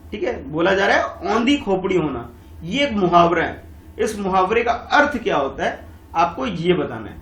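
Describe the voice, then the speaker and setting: A man's voice: sits high, a bit bright. A man, a teacher explaining exam questions and asking himself rhetorical questions as he goes. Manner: repeats and asks rhetorical questions. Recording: echoey room.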